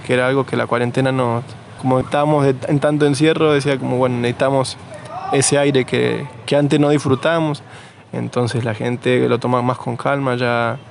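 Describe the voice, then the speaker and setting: An Argentine man being interviewed outdoors, talking in a relaxed, rambling way with fillers and restarts. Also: mid-range voice, vocal fry, a little hiss or hum. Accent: Argentine Spanish. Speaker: interviewee, nursery co-founder. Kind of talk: casual conversational interview.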